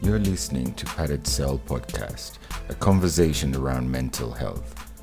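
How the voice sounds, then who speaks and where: Super deep guy doing a podcast intro, slow and measured, faint music behind. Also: animated, creaky. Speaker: podcast host.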